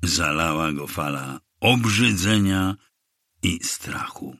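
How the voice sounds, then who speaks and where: A man narrating a crime novel aloud with measured, steady reading. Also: low voice, dry recording, studio quality. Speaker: audiobook narrator.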